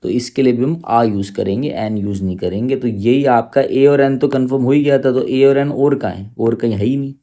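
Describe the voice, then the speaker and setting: A man's voice: mid-range voice, brisk, few pauses, dark tone. A man teaching an exam-prep grammar lesson, explaining step by step and tagging "thik hai" onto his points.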